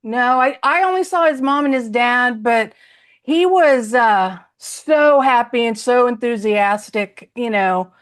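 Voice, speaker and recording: A woman with a Southern accent co-hosting a casual sports podcast, chatty and quick to laugh. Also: on the high side. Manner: animated, laughs often. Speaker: podcast co-host. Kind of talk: casual chat.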